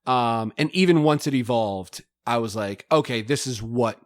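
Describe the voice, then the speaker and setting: A man's voice: medium pitch, normal speed, no room sound, studio quality. A middle-aged man, a podcast guest, telling stories in a rambling way full of fillers and laughs. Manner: rambling, filler-heavy storytelling with frequent laughs. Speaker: podcast guest, rapper and author. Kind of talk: casual conversation.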